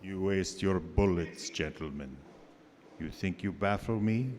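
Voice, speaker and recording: An actor playing a menacing, taunting vampire count in a grandiose, threatening manner for a radio horror play. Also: male voice, deep voice, a little slow, darkish tone. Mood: taunting, triumphant. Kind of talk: live radio horror drama acting. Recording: long hall reverb, faint noise.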